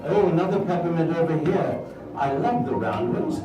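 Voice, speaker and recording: A man's voice: fairly high pitch, pitched above the performer's own voice, close to an everyday voice. A man playing a jolly, bumbling Christmas wizard doing stage magic for a live audience, theatrical and chuckling. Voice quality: theatrical, sing-song, chuckling. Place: stage in a hall. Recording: roomy hall, from far off.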